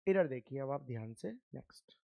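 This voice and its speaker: A man's voice: medium pitch, expressive, brisk, vocal fry, dry recording, narrow, tinny audio. A man teaching a chemistry lecture, firmly drilling students by asking questions and answering them himself. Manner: firm, scolding reminders to pay attention. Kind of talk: classroom lecture.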